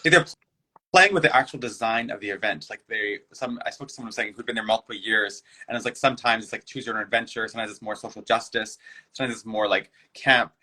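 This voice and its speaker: Man, guest, play designer, bright tone, reflective, playful, casual conversation. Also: lowish voice, fast. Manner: reflective, playful, breaks into silly acted-out voices.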